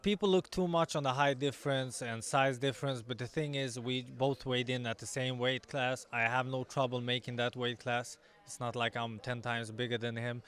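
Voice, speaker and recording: Young man, MMA fighter in interview. Confident, halting delivery, clean resonant tone. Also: medium pitch, fairly even intonation, a bit bright, smooth. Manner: confident, self-assured. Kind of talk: post weigh-in sports interview.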